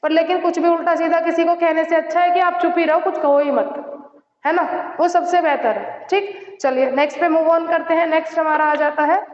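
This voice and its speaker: A woman's voice: extremely high pitch, steady tone, a little fast. A woman teaching a Hindi exam-prep lesson who mixes in English phrases, keeps asking "right?" and "theek hai", and gives students direct advice. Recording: echoey, dull lo-fi room sound.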